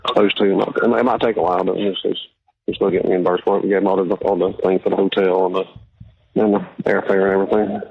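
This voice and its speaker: A man talking over a jail payphone call line, halting and reassuring as he speaks with a jailed relative. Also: low voice, level tone, gravelly. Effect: heard over a jail payphone call line. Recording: tinny phone line with faint hiss.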